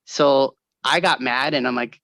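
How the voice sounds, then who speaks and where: A middle-aged man co-hosting a podcast, telling stories in a lively way, acting out the quoted voices and laughing often. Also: mid-range voice, measured pace, no echo. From Northern California. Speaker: podcast co-host. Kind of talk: casual storytelling chat.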